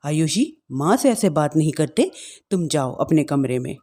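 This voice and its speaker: Casting: mild young husband, played by a woman, subdued and placating, pitch dropped well down, domestic drama. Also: expressive, moderate pace, mellow, lightly acted. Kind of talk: acted family-drama storytelling.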